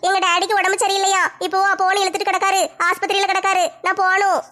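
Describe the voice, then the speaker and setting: A woman's voice: very high-pitched, little pitch movement, fast, sharp tone. A woman playing a tearful young woman who is crying.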